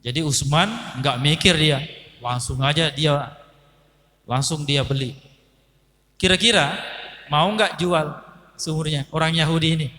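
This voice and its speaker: Bright-voiced man preaching in a reverberant hall. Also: fairly high pitch, unhurried, pauses often. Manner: storytelling, acting out dialogue, addressing audience as Pak. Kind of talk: sermon.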